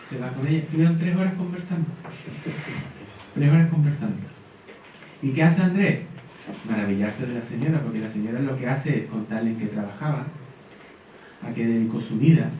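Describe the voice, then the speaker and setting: A middle-aged man telling a story to an audience and acting out the quoted lines. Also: medium pitch. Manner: animated storyteller, acts out quotes. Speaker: speaker at an education panel. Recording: echoey hall from far off, faint noise.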